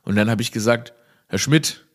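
At a normal speed and in a mid-range voice, a male comedian drifts from story to story in a casual podcast monologue. It's full of self-irony and jokes, and he laughs at what he's telling.

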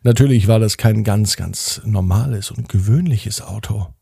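A man narrating a bedtime story in a gentle, expressive way. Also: lowish voice, moderate pace, creaky, slightly rough, dry recording, clean studio sound.

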